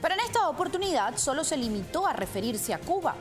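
A woman's voice: sits high, very animated, fast talker, music in the background. A woman in her thirties presenting the news in a studio with pointed commentary, speaking emphatically into a lapel mic. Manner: emphatic, gestures while speaking.

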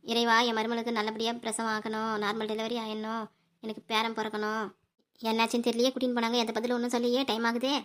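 A woman's voice: fairly high pitch, little pitch movement, very fast, few pauses, natural voice. A woman voicing a bossy, anxious middle-aged mother-in-law in a family cartoon. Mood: praying. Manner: bossy and anxious, prays aloud. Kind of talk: cartoon voice acting.

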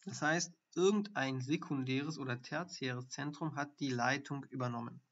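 Over dull, lo-fi stream audio, a man who is a doctor teaches ECG reading live, walking through the findings step by step and thinking aloud with fillers. His voice is medium-pitched and fairly bright, at a moderate pace.

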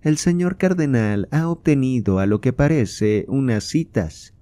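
A man's voice: mid-range voice, lively intonation, measured pace, warm tone, dry recording, pitched above the performer's own voice, close to an everyday voice. A man reading aloud, voicing a proud and indignant queen with a raised, fervent, declamatory delivery. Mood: scornful.

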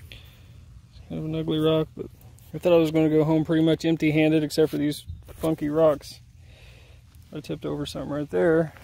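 A man with a somewhat high, gravelly voice talks casually as he walks a crop field. He rambles in an easygoing, self-deprecating way. The sound comes from a handheld camera outdoors. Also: completely flat delivery, normal speed, dark tone. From Indiana. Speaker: arrowhead hunter filming his finds. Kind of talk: casual outdoor vlog narration. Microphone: handheld camera mic.

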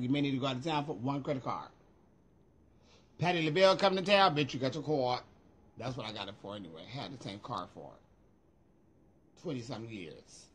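A man's voice: medium pitch, breathy edge. A middle-aged American man chatting casually on a livestream in a sassy, emphatic way, swearing freely, recorded on a phone in a room at home. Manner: sassy, emphatic, profanity-laced. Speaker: vlogger. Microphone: phone at arm's length.

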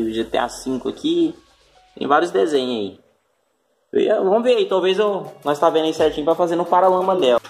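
A man with a Brazilian Portuguese accent hosting a casual vlog from a home garage, chatting in a relaxed, slangy way and often turning to his viewers. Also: on the high side. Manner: laid-back, slangy, keeps addressing the viewers. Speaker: channel host. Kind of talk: casual chat.

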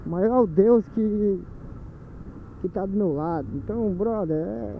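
A man's voice: high voice, unhurried, vocal fry. A man from Manaus with an Amazonas Brazilian accent, talking casually and in slang to his viewers while riding a motorcycle at night, captured on a camera mounted on the helmet or bike. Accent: Brazilian Portuguese, Amazonas. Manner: slangy, repeats phrases, talks to viewers as "brother". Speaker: motovlogger. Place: on a motorcycle on city streets at night. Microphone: helmet or bike-mounted action camera. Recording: tinny lo-fi camera audio with faint wind and road noise.

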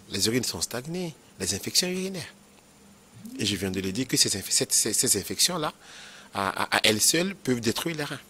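A man's voice: medium pitch, fairly bright tone, slight background noise. A man, a nephrologist explaining kidney stone prevention in a health interview, repeating key points and checking that he is understood.

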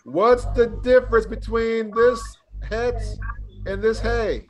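A man's voice: very high-pitched, steady tone, slow, lo-fi sound, slight background noise. A man teaching a live online Hebrew class, speaking casually and drilling students with questions.

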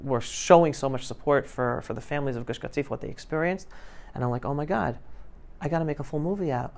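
Wearing a clip-on lapel mic, a middle-aged man speaks to students in a school classroom as a guest speaker, a filmmaker recounting his story. He's emphatic and colloquial, acting out conversations along the way, in a gravelly, mid-range voice.

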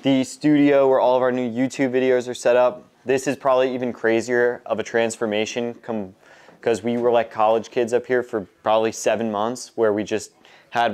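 Casual vlog host: American man in his twenties, clear resonant voice, informal walkthrough delivery. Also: medium pitch, fairly even intonation, moderate pace, darkish tone. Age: 20s. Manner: informal, mildly profane. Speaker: host giving a warehouse tour. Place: large concrete warehouse and upstairs office, indoors.

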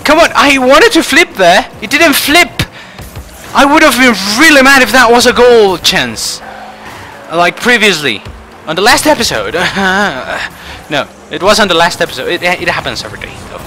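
A man giving frustrated gameplay commentary, swinging between muttering and shouting. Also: high voice, very animated, moderate pace, faint music behind, low-quality recording. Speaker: gaming channel host.

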